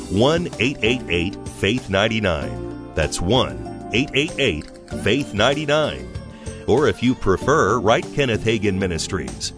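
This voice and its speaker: Male infomercial announcer, low voice with big swoops, selling over a music bed. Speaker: radio announcer. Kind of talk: scripted infomercial-style announcement with call-now sales pitch.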